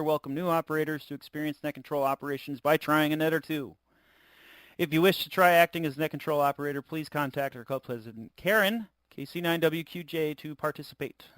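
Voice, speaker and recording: A man hosting an amateur radio check-in net as net control, speaking in an informal, halting way. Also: on the high side, bright, forceful tone, smooth, dry recording.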